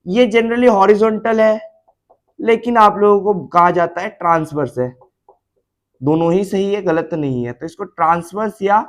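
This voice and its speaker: A male biology teacher with a voice that sits high lectures at a board in a mix of Hindi and English. He repeats key terms and checks that students are following.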